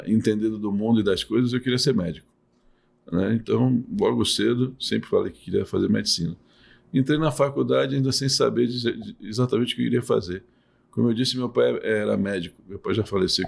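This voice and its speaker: Gravelly-voiced man explaining patiently. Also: mid-range voice. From Salvador, Bahia, Brazil. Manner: explanatory, hesitant restarts. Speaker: urologist and professor, guest. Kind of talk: podcast interview.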